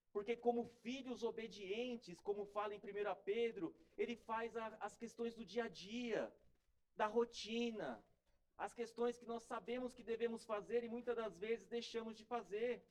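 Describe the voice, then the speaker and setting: A man's voice: high-pitched, poor audio. A man in his forties with a Brazilian Portuguese accent, preaching in a church in a conversational way, repeating phrases and talking straight to the congregation. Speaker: pastor. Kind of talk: sermon.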